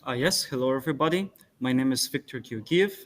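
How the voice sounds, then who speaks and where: Young man introducing himself. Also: medium pitch. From Bulgaria. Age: young adult. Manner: earnest, brisk, a few restarts. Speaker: student guest. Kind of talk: self-introduction in a webinar.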